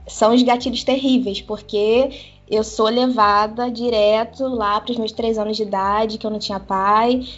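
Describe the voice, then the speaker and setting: A woman in casual chat, candid and animated, laughing often. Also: on the high side. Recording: dull lo-fi sound with faint music.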